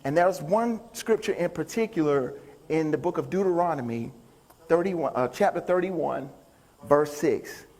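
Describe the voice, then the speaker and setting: Speaking at a moderate pace, a man with an animated, slightly mellow voice pitched on the high side keeps up banter with his audience. He's giving a folksy, upbeat stage talk as a motivational speaker and musician, with the echo of a big indoor hall around him.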